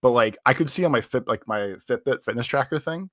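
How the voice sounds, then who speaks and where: A man's voice: medium pitch, brisk, no room sound, clean studio sound. Rambling man telling a story. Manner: rambling, full of "like" fillers, animated retelling. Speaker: podcast co-host. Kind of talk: casual podcast chat, telling a story.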